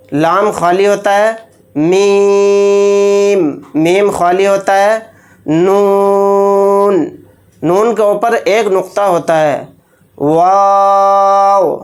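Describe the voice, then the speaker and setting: Patient teacher drawing out letter names. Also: mid-range voice. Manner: draws out each letter name slowly and clearly, then explains it calmly. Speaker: Quran reading teacher. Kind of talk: beginner alphabet lesson, explaining letters one by one.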